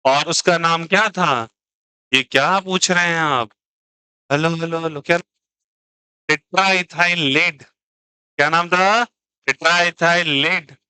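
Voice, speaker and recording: A man teaching chemistry in a lively, teasing classroom lecture, joking and pushing students to answer. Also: on the high side, takes it slowly, long pauses, smooth, no echo, low-quality recording.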